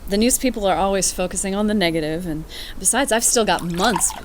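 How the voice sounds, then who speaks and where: A brisk, mid-range female voice close to everyday speech plays a fond, teasing alien commander in a sci-fi audio drama. The character comes across as affectionate, wry, gracious, and playful, heard over some background noise.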